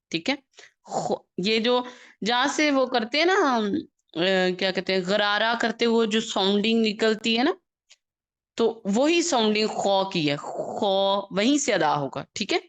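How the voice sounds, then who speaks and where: A woman teaching Quran recitation in an online class, checking in often with her students and stretching out each letter sound slowly as she demonstrates. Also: medium pitch.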